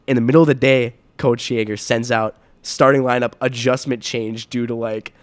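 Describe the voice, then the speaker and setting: A young man guesting on a podcast, telling stories in an animated way, acting out other people's voices and laughing often. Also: mid-range voice, normal speed, smooth, no echo. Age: young adult. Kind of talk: casual storytelling chat. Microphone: podcast mic.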